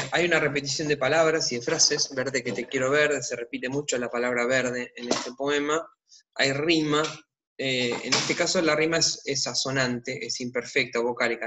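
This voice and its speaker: A man teaching a literature lesson, explaining calmly and thinking aloud as he goes. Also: mid-range voice, noisy background. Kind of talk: explanatory online lecture.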